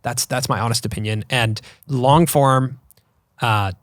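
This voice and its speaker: Guy in his 30s cohosting a podcast, easygoing chatter, medium pitch, dead dry studio mic. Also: unhurried, no echo. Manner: relaxed, conversational, frequent fillers. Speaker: podcast co-host. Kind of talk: casual chat.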